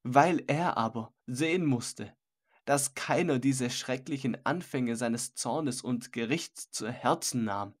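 A stern, sorrowful old man in an audiobook, read by a man in a slow, solemn delivery. His husky voice carries grave reproach. He sounds weighty and unhurried. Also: medium pitch. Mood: mournful. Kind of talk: audiobook character voice.

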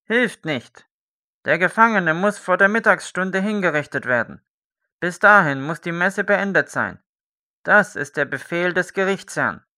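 A man voicing a harsh, commanding male official who shouts orders through a door. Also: sits high, lively intonation, a little slow, pitched above the performer's own voice, exaggerated voice. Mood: impatient, shouting.

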